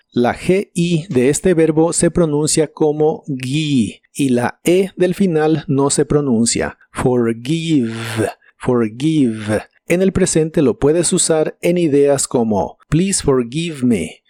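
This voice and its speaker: A man teaching English vocabulary in a scripted lesson, modelling each word slowly and carefully. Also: a little high, lively intonation, warm tone, no room sound, clean studio sound. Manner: slow, careful model pronunciations.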